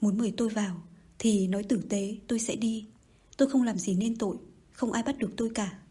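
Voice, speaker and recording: A woman's voice: mid-range voice, brisk, mellow, husky, natural voice. A woman voicing a defiant young man. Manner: curt, stubborn replies. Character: proud defiant young man, calm under threat. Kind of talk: audiobook reading.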